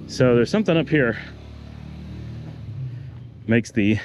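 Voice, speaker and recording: Strolling outdoors along neighborhood streets, a middle-aged vlogger gives a relaxed walking tour, slowly pointing out houses and shops as he goes. His voice sits in the mid range, with slight background noise in the clip.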